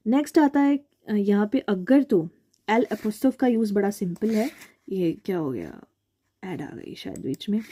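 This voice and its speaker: A woman's voice: mid-range voice, dark tone. A woman teaching a casual language lesson in a chatty way, often checking in with her listeners as she explains. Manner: chatty, repeats "theek hai" often.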